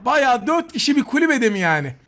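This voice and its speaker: A young man giving chatty live commentary on his own shooter game, teasing his opponents and flaring up with excitement during fights. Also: extremely high pitch, fairly quick. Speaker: gaming streamer. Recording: faint game noise behind voice. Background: game gunfire.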